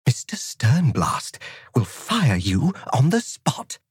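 A woman's voice: rumbling low, wildly swooping pitch, slow pace, darkish tone, breathy edge, dry recording, clean studio sound, voice pushed up, exaggerated voice. A man voicing a cold, cruel female assistant principal who speaks in an icy, whispery, clipped manner. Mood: indignant. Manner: clipped, menacing.

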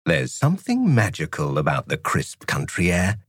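A man voicing a cheerful, calm and whimsical male teacher with a genteel, jolly manner. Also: deep voice, moderate pace, husky, no room sound, studio quality, pitched below the performer's own voice, heavily acted.

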